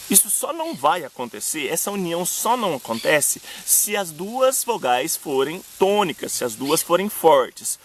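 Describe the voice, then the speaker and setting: A young Brazilian man with a Brazilian Portuguese accent, hosting a video lesson on poetic meter, speaking to viewers directly and slowing down to recite verse examples. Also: a little high, a little hiss or hum. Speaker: poetry teacher and channel host.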